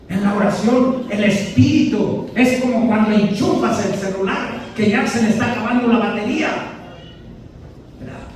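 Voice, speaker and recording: Male priest, emphatic sermon style, slow delivery, distant mic with a faint hiss. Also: high voice. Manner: emphatic, questions the congregation, keeps saying "hermanos". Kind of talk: sermon to a prayer group. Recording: echoey hall, distant mic, faint background noise.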